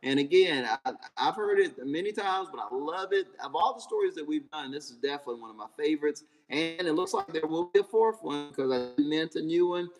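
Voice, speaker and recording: A man's voice: fairly high pitch, animated, brisk, few pauses, soft background music. A man hosting a live stream, chatting casually and thanking listeners before playing a story. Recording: long hall reverb.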